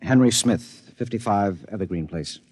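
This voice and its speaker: An actor playing a distracted, impatient, hesitant husband in a 1950s radio drama. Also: male voice, fairly low pitch, moderate pace, darkish tone, slightly rough. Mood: hesitant, eager. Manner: offhand, hesitant. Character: distracted, impatient husband, evasive and weary of affection. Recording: muffled old radio recording.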